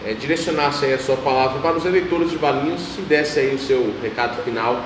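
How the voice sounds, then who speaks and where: A male interviewer speaking quickly in a measured, formal way. He sits far from the mic in a roomy, echoing space. An air conditioner hums clearly behind him. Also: mid-range voice. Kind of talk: interview question. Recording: distant mic, echoey room, air-conditioning hum.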